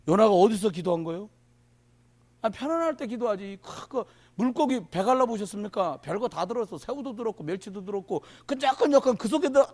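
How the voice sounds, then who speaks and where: Male pastor, sermon at a prayer meeting; high and very animated, chatty and jokey, jumps from loud outbursts to hushed asides. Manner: colloquial and joking, swinging between loud exclamations and quiet asides. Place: church.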